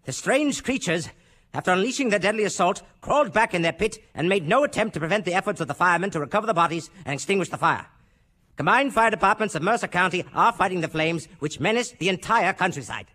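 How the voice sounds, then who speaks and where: 1930s American news announcer, old newsreel delivery, bright high-set voice, formal, grave, urgent. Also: male voice, exaggerated voice. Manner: formal, urgent, measured phrasing. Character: grave, formal radio newsman relaying disaster bulletins. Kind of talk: 1930s radio acting, old newsreel manner.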